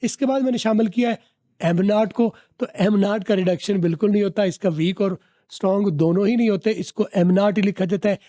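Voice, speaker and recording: A man with a high, dark-toned voice teaches English pronunciation step by step. He repeats example phrases slowly and drawn out, and asks his learners to guess the answers.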